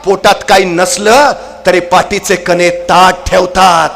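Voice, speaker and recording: A woman voicing an exasperated middle-aged Mughal general who scolds his troops in a lowered, gruff voice. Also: fairly even intonation, slow. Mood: stern.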